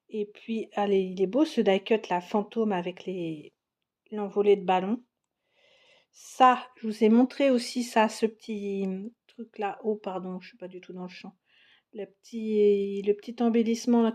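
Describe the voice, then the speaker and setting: A crafting vlogger from France, her medium-pitched voice a little mellow, chats casually through an unboxing. She's enthusiastic, exclaiming over every item and frequently laughing.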